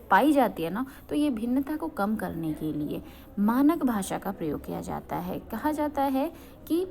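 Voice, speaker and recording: A woman's voice: a little high, a little mellow. A young adult woman from Uttarakhand teaching a grammar lesson, asking questions and answering them herself, often checking that students follow. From Uttarakhand, India.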